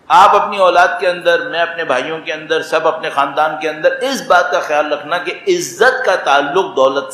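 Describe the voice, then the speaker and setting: A man with a Pakistani Urdu accent delivering a sermon, animated and rising to emphatic exclamations. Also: fairly high pitch. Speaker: religious speaker. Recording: echoey hall, faint ambience.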